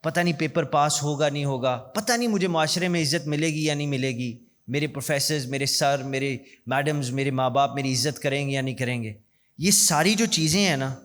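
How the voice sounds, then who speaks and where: A man giving an earnest inspirational speech as a guest speaker at a university, telling a story and slowing down for emphasis. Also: fairly high pitch, fairly bright tone. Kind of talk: inspirational speech mixing in English. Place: large university hall. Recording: long hall reverb.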